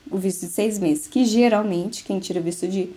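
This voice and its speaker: Brazilian woman, warm low-key tone, animated storyteller acting out who said what. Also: moderate pace. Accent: Brazilian Portuguese. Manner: animated, acts out dialogue in her story. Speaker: guest. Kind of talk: storytelling in casual conversation.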